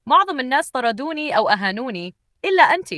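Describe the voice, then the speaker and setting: A woman voicing a wealthy older man disguised as a beggar, speaking calmly and earnestly. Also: sits high, racing, no room sound, clean studio sound, pitched above the performer's own voice, full character voice. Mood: calm, weary.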